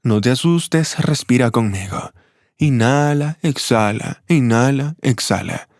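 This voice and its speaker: A man voicing an old hooded vagrant, a former doctor, speaking low, steady and instructive in a storybook reading. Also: slow pace, no room sound, studio quality, lightly acted. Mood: calm, firm.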